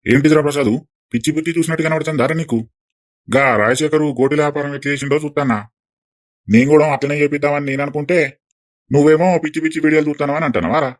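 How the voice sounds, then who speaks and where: A man's voice: fairly high pitch, steady tone, very fast, dry recording, clean studio sound. A man with a Telangana accent acting in a village comedy skit, grumbling and defensive.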